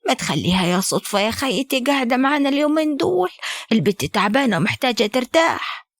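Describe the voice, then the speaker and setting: A woman with an Upper Egyptian accent voicing a gentle, worried mother who pleads softly. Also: a little high, sing-song, quick pace, no room sound. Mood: pleading. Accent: Upper Egyptian Arabic.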